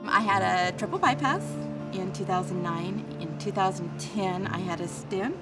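A woman's voice: medium pitch, moderate pace, distant mic, loud music behind the voice. A woman in her sixties, a former cardiac rehab patient, speaks sincerely and gratefully in an interview in an indoor rehab gym, on a lapel mic. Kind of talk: documentary interview.

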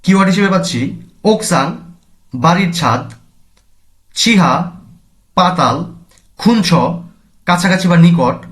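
A man from Bangladesh teaching a language lesson, slowly saying each word and then its meaning, repeating terms for his students. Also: high-pitched, expressive, fairly bright tone. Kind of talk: classroom lesson explanation.

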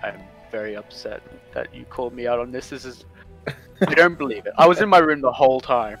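A man's voice: medium pitch, level tone, brisk, gravelly, faint music behind, natural voice, rough recording. A man voicing an indignant adventurer who protests theatrically. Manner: theatrically outraged. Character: indignant male adventurer denying blame.

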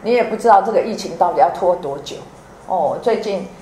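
Woman, Taiwanese Mandarin accent, middle-aged, lively preaching style, echoey hall, faint noise. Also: on the low side, fairly quick. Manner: lively, engaging audience with questions, laughs often. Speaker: pastor's wife. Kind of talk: sermon.

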